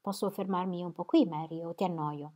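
A woman's voice: on the low side, fairly even intonation, a little fast, mellow, close to an everyday voice. Fred, an idle proud young man, as a woman reads him. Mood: coaxing. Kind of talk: audiobook reading.

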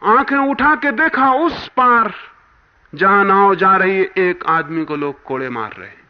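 A man giving a spiritual discourse, emphatic, with forceful rises and sudden hushed drops. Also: high-pitched, expressive, unhurried. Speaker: spiritual teacher. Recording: dull lo-fi archival talk recording.

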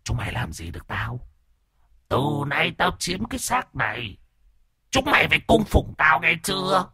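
A man voicing a vengeful ghost that speaks through a possessed young boy, with a shrill, eerie, menacing voice. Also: huge pitch swings, normal speed, sharp tone, husky, exaggerated voice. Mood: taunting. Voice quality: shrill, shrieking.

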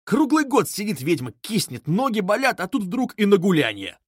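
A man putting on a gruff, impatient visitor who grumbles and swears bluntly, with a raised, lively voice. The sound is dry and close. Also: high voice, normal speed, no room sound, pitched above the performer's own voice, full character voice. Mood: grumbling, impatient. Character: gruff impatient grown man knocking at a door.

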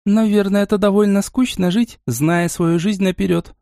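A male narrator voicing a sharp-tongued, sarcastic young woman in an audiobook. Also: sits high, steady tone, normal speed, gravelly, dry recording, clean studio sound, voice pushed up.

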